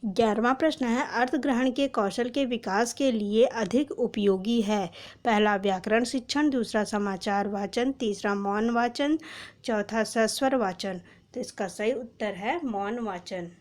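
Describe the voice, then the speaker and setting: Woman teaching exam prep, reads each option out one by one then gives the answer, voice on the high side. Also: unhurried, a little mellow. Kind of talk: exam prep lesson, reading out quiz questions and answers.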